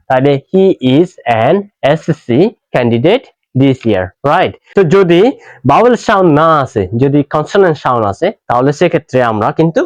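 A man with a Bangladeshi accent teaching an English grammar lesson, explaining step by step, repeating words slowly and asking "right?" as he goes. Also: a little high, dry recording. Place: classroom with whiteboard. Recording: dull, dry lo-fi sound.

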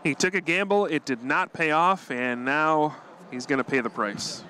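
A male commentator breaks down a card-game match move by move, quick and analytical, with light chuckles. His voice sits a bit higher than most men's. A faint hum of background noise runs underneath. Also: sharp tone. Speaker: tournament commentator. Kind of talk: live play-by-play commentary.

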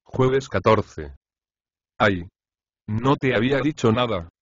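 A man narrating an audiobook, reading letters from a novel in an expressive, measured first-person way. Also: mid-range voice, no room sound. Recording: slightly dull, lo-fi dry recording.

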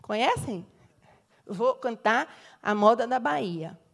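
Her voice is a little high and gravelly, slow, with lively intonation: a middle-aged Brazilian professor with a Brazilian Portuguese accent delivering a lecture. She walks through ideas step by step, checks in using frequent tag questions, and offers sung examples.

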